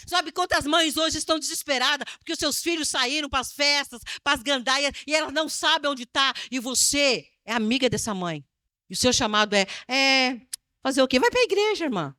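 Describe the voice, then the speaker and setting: A woman pastor from Brazil preaching a sermon in a lively, teasing and dramatic way. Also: sits high, no echo, studio quality.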